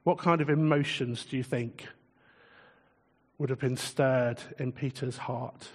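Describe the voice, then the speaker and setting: A man preaching a sermon in a relaxed, conversational way, chuckling often and putting questions to his listeners. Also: medium pitch, unhurried, long reverb tail.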